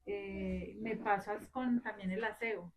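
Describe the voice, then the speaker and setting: A woman's voice: medium pitch, steady tone, slow pace, slight background noise, rough recording. A woman, a mother, earnestly sharing a personal story about her children during a class discussion.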